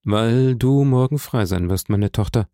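A man reading aloud plays a grave older nobleman who speaks in a solemn, measured way. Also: mid-range voice, dark tone, no room sound, studio quality, natural voice.

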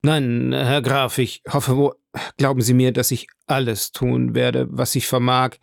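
An uneasy prosecutor from a storybook, stiff and formal, whose replies come out pressed and halting, as a male reader plays him. The voice is gravelly and recorded dry and close. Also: mid-range voice, expressive, no room sound. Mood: strained.

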